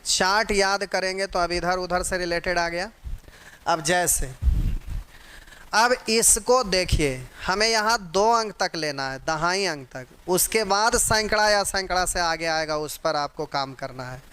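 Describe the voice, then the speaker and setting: A man's voice: high-pitched, unhurried, pushed and bright, clear, resonant tone. A man teaching an exam-prep math lesson, drilling fractions and percentages aloud and calling his students dear ones.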